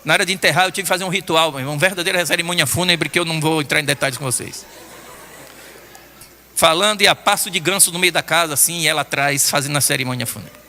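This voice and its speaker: An older man with a Brazilian Portuguese accent preaching a sermon, telling stories in an animated way with bursts of shouting. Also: on the high side, fast talker. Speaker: pastor. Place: church hall. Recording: long hall reverb.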